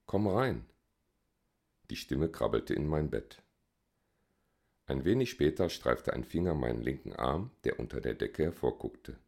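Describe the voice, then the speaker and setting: A man reads a humorous audiobook in a dry, wry way. His voice is very deep with a gravelly texture. He moves it up and down with lively intonation. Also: moderate pace. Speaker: audiobook narrator.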